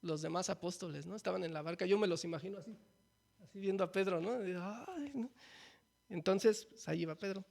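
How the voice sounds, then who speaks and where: A man's voice: high-pitched, fast, creaky, darkish tone. A man preaching a conversational sermon, asking the congregation questions and often adding a folksy "¿no?". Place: church.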